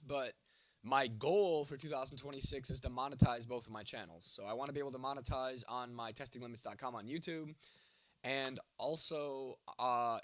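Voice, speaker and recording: A young man hosts a casual livestream, reading out viewer comments in a laid-back manner with casual swearing. He's congested, losing his voice and coughing, speaking at medium pitch with a slightly bright tone over a little hiss or hum.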